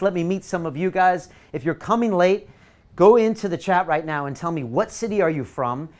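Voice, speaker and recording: Hosting an online masterclass, a Californian man with a voice on the high side leads a motivational guided visualization, full of eager, coaxing energy.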